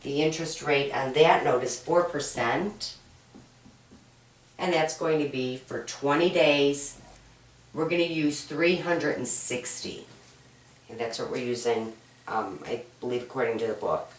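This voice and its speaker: A woman teaching accounting works patiently through homework problems step by step, repeatedly checking in with "right?". Her low voice is hoarse and raspy from a cold and a little slow, and the recording sounds roomy and distant, picked up by a mic across the room.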